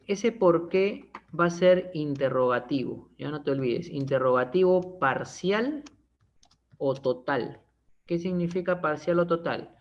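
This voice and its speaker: Gravelly man teaching a class. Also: a little high. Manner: explains with frequent checking tags like ¿no? and ¿ya?; playful everyday examples. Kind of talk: online class lecture. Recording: dull lo-fi online class audio.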